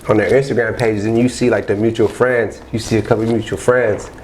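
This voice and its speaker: A man's voice: fairly low pitch, flat delivery, quick pace, a little mellow, a little hiss or hum. A man, a rapper guest, talking in a loose, rambling casual chat, often asking "you know what I mean".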